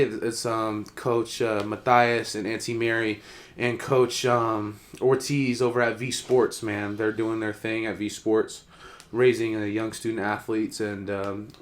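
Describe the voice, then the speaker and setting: Animated young man telling slangy stories. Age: young adult. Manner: animated storyteller, acts out quotes with big jumps in pitch and loudness; slangy, swears freely. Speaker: podcast co-host, college football player. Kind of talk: casual podcast storytelling.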